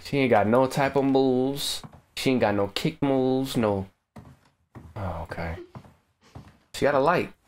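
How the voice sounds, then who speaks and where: This young gaming streamer has a mid-range voice and talks a little slowly, with long pauses. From his home setup with a webcam, he delivers loose, slangy, profane, excitable let's-play commentary.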